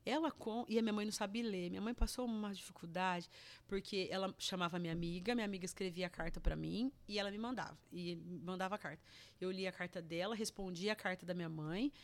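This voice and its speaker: A woman's voice: fairly low pitch, fast. A woman with a Brazilian Portuguese accent, a guest telling a personal testimony in earnest, emotional chat with many restarts.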